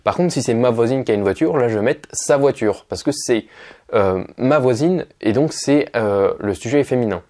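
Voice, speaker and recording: Spelling words out with frequent fillers, a man gives an unhurried, patient Russian lesson in a casual video. He sounds animated, with a medium pitch and a dark tone.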